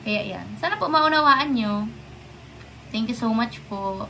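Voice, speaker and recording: A woman's voice: a little high, expressive, measured pace, pushed and bright, slight background noise. A young woman from the Philippines, vlogging straight to camera, firing off indignant rhetorical questions while staying polite and defiant. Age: young adult. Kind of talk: direct-to-camera rant.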